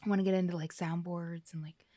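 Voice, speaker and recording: A woman's voice: lowish voice, flat delivery, fast, warm tone, no room sound. A woman co-hosting a podcast, chatting casually in a playful, rambling, joking way. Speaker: podcast co-host. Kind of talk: casual chat.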